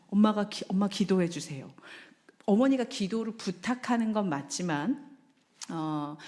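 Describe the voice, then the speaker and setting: A woman's voice: mid-range voice, warm tone. A woman lecturing at a church marriage seminar, talking in a conversational way and asking the audience rhetorical questions.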